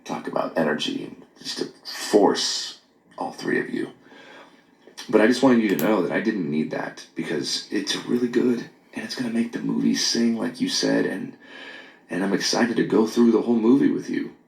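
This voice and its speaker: A man leaving a late-night voice message on his phone, earnest and apologetic, talking haltingly with many pauses and restarts. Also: fairly low pitch, expressive, creaky. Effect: voice message recorded on a phone. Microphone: phone held close. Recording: echoey phone voice memo.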